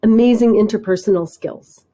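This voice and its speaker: A middle-aged woman talking as a podcast guest, telling animated stories, acting out bits of dialogue and often checking in with "right?". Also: mid-range voice, moderate pace. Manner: animated storyteller, acts out dialogue, frequent "right?". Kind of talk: conversational interview.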